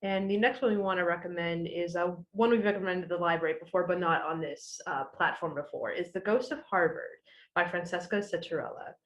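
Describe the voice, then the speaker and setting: A woman's voice: fairly low pitch, fairly quick, rough recording. Chatty woman recommending books. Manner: chatty, uses many fillers like "like" and "uh". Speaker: library staff book reviewer. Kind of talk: casual book recommendation chat.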